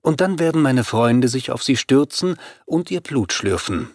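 A man's voice: mid-range voice, very animated, measured pace, no echo, pitched above the performer's own voice. Vampire queen, cold and mocking, voiced by a man in a raised voice for an audiobook; dry, close sound. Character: scornful female vampire queen, cold and self-assured.

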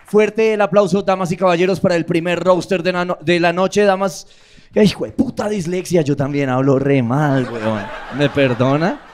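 Teasing Colombian host, high voice. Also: male voice, fairly even intonation, moderate pace, darkish tone. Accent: Colombian Spanish. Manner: teasing, crude slang, laughs often. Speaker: roast host. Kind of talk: loose stage banter. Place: comedy club stage.

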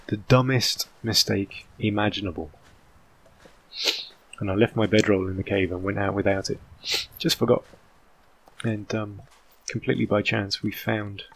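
Low gravelly English man with an American tinge. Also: slight background noise. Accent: British English mixed with American. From England. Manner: rambling and chatty, with many "um" fillers. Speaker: gaming channel host. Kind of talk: casual let's-play commentary.

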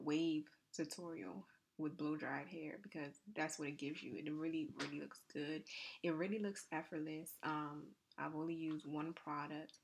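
A young woman chatting casually in a soft, low, near-whispered voiceover for a hair tutorial, with plenty of fillers. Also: husky. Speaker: hair vlogger. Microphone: voiceover mic.

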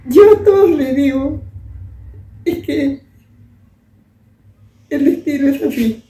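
An older woman recounts a personal story, her words halting and soft and full of diminutives. Her mellow, dark voice is heard from a distance in an echoey room. Faint noise sits behind her. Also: sits high. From Peru. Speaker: interviewee. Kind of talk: emotional personal testimony.

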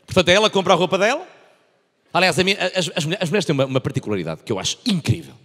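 A man in his thirties with a European Portuguese accent, doing animated stand-up into a handheld mic on a large theatre stage. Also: a little high, very fast, breathy edge, long reverb tail. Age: 30s. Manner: animated, repeats and restarts phrases for effect. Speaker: stand-up comedian. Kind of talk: stand-up comedy routine. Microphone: handheld microphone.

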